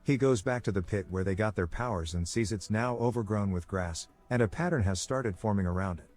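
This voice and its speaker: A man giving a scripted narration, with a steady, even storytelling delivery. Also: on the low side, fairly quick, soft background music. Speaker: movie recap narrator.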